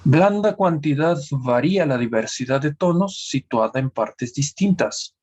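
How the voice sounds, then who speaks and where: A man's voice: a little high, lively intonation, unhurried, a little mellow, breathy edge. A man teaching an online seminar, explaining music theory carefully and checking in with his class often. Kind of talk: academic lecture on music theory. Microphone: video call. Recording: dull lo-fi video call audio.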